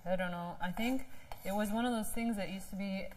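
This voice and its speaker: Co-host, female, mid-pitched, easygoing and giggly; dishes and cutlery clinking behind her. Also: brisk, noisy background. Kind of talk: casual cooking show chat. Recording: kitchen clatter of dishes.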